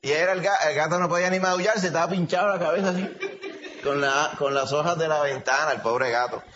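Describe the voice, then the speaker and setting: A man preaching an animated sermon, telling stories and calling listeners brother. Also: on the high side, fast, slight background noise. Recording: dull lo-fi recording, faint ambience.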